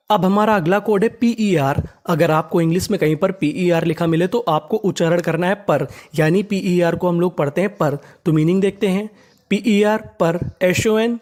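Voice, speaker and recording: A teacher with an Indian accent gives a step-by-step spelling and pronunciation lesson, sounding out each word slowly and repeating it several times. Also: mid-range voice, darkish tone.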